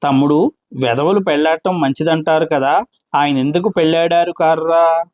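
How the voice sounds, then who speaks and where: A man reading as a curious young widowed village woman in a read-aloud play. She asks plain, questioning lines in a fairly high voice that stays close to the reader's own. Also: normal speed, a little mellow, dry recording, muffled recording, natural voice.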